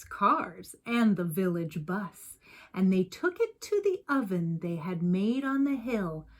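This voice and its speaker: In the manner of a teacher, a woman reads a picture book aloud with expression, adding chatty asides and posing questions to young listeners. Her voice sits in the mid range.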